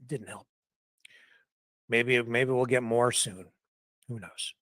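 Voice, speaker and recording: A man's voice: mid-range voice, takes it slowly, a bit bright, no room sound, studio quality. A man hosting a casual news livestream, rambling and chuckling while he searches for clips.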